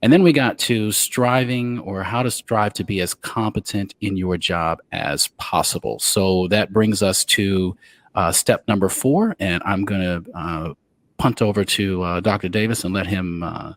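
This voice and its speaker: Low-voiced halting male podcast host. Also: a bit bright, no echo. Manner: halting, many fillers. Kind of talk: podcast talk.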